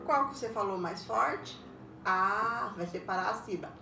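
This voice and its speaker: Woman teacher, unhurried, explains step by step for children, roomy recording with faint background noise. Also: medium pitch, animated, creaky, recorded from a distance. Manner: patient, explains step by step, ends phrases with a tag question. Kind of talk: recorded lesson for young pupils.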